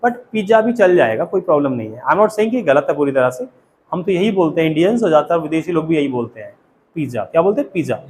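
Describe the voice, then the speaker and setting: A man with an Indian accent and a high voice teaches a class, firing questions at the students and drilling them to repeat. Faint noise sits behind the voice. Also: sing-song, fast, a little mellow. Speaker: English teacher.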